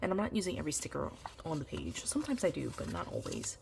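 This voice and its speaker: Talking fast in a low, gravelly voice with huge pitch swings, a woman vlogger chats through her planner decorating over a noisy background. She's sick and nasal with congestion, and her voice is starting to give out. The plan-with-me chat is casual and rambling, heavy on ums and you-knows.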